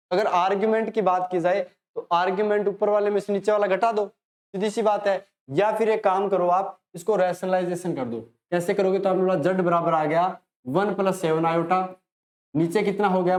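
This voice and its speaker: An Indian man teaching maths online, working through problems in a chatty way and urging students to pause and try. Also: sits high, darkish tone. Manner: chatty, talks to students as if they ask questions; encouraging, urges students to pause and solve. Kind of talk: online lesson, solving problems.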